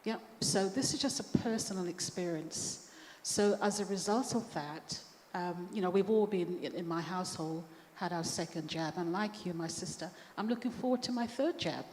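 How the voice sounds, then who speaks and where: A woman's voice: lowish voice, normal speed, few pauses. Chatty storytelling woman in a hall. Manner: lively, conversational storytelling. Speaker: panelist. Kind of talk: panel discussion, personal story. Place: church hall. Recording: echoey hall, faint background noise.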